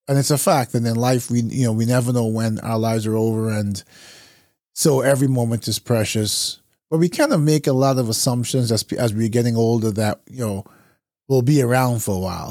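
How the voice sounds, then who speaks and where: A man's voice: mid-range voice, warm tone, dry recording, studio quality. A man from Barbados hosting a solo podcast, talking in a reflective, conversational way with many fillers. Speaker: podcast host. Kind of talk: casual solo podcast talk.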